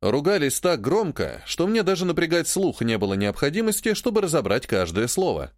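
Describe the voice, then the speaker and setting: A man reading a fantasy audiobook in first person as narrator, in a steady storytelling manner on a close mic. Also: a little high, a little fast, no room sound.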